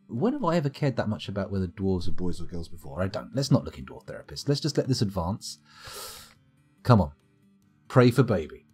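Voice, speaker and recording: A man's voice: medium pitch, darkish tone, breathy edge. Wry male streamer over livestream mic audio. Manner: wry, chatty, reads game reports aloud. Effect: livestream microphone audio. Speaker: livestreamer playing a strategy game. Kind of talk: casual livestream commentary.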